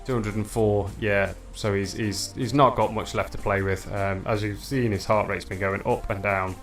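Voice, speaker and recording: A man's voice: on the low side, moderate pace, faint music behind. Chatty man commentating a race. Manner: excitable, shouts at the finish, chatty with viewers. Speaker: livestream host commentating a virtual bike race.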